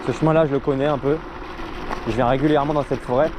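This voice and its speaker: A man's voice: mid-range voice, fairly even intonation, fast. A young adult man chatting casually and enthusiastically, in an informal slangy way, as he vlogs from an electric scooter. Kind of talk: casual ride-along vlog chat. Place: outdoors, riding through streets and forest. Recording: noisy outdoor ride, vehicle and wind noise.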